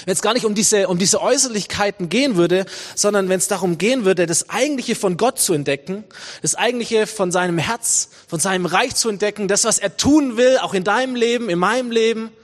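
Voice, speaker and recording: A high-voiced man delivers a conversational sermon and leans on rhetorical questions. His words echo through a church with a long reverb. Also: a little fast. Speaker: preacher.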